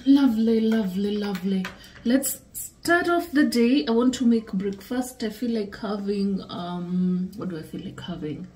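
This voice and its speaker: Here the young vlogger's mid-range voice comes a little slowly through a low-quality recording. Holding the camera herself indoors, in her kitchen and dressing room, she keeps things easygoing and chatty, talking to her audience as "guys" in a lifestyle vlog.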